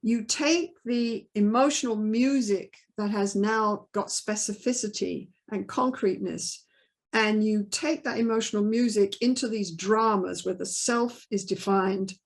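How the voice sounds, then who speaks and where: A woman therapist teaching a training session in a mid-pitched voice. She walks listeners through a client session and drops to a quiet, gentle tone when quoting it. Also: measured pace. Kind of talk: teaching talk with case example.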